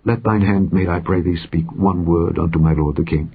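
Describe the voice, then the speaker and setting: A man's voice: deep voice, steady tone, moderate pace, breathy edge. A man reading the part of a pleading widow in mourning, his voice lifted and earnest. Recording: dull lo-fi audio recording.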